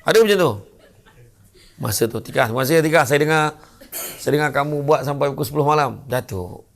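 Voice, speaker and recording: A man's voice: a little high, quick pace, creaky. An older man with a Malaysian Malay accent giving a humorous sermon, telling stories and acting out the characters. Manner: lively storyteller who acts out characters. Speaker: religious lecturer. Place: lecture venue.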